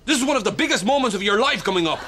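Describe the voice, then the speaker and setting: A blustery excitable IT guy. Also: high-pitched, very fast, noisy background. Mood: overexcited. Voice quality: blustery, dramatic. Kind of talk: sitcom acting.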